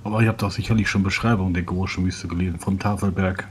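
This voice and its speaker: A man playing a tabletop role-playing game in character, deadpan, with formal phrasing. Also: deep voice, fast. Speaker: role-play player. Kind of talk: improvised in-character tabletop talk. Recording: faint humming background noise.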